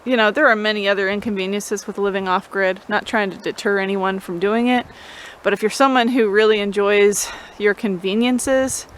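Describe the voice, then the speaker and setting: A woman's voice: mid-range voice, fairly even intonation, normal speed, hardly any pauses. Casual woman vlogger over noticeable background noise. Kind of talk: casual how-to chat to camera. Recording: clear background noise and ambience.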